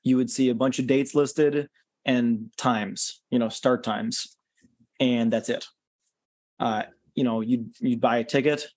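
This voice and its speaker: A relaxed man chats as a podcast guest, explaining things at an easy pace. He fills his talk with "um" and "you know" and restarts his sentences. The recording is dry and close, with little room sound. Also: medium pitch, a little slow, dry recording. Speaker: podcast guest, concert organizer. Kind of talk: casual interview chat.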